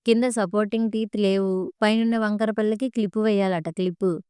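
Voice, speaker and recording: A woman's voice: mid-range voice, fairly even intonation, a little fast, mellow, clean tone, no echo, studio quality, natural voice. A woman voicing a young woman dentist who talks to a patient in a curt, sneering way, read in an audiobook story. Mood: mocking.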